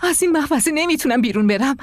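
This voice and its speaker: A woman's voice: high-pitched, expressive, no echo. An actress dubbing a frightened woman trapped in a sealed pod, pleading and panicked. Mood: scared, pleading. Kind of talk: dubbed film acting.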